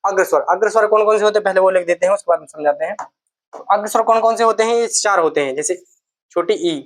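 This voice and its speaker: A woman's voice: medium pitch, fast. A woman teaching a Hindi grammar lesson for exam preparation, explaining step by step, asking questions and answering them herself, and repeating key terms.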